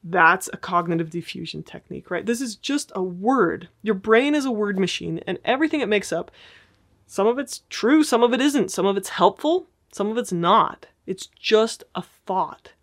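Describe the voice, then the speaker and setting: Woman therapist, mid-pitched, friendly explanatory teaching manner. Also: lively intonation, normal speed. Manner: friendly, explanatory, checks in with listeners. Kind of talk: casual teaching talk.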